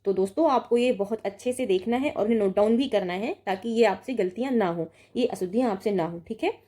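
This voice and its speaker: Warm-voiced woman tutoring Hindi spelling. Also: mid-range voice, fairly quick. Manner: reads word pairs aloud, correcting each, with frequent "ठीक है" check-ins. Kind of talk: online exam-prep lesson.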